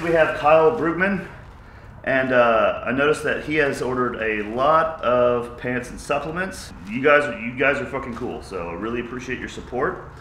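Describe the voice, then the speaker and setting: A fitness vlogger in his thirties chats casually to camera in an echoey home gym, goofy and excitable, swinging between loud bursts and quiet asides. There's slight background noise.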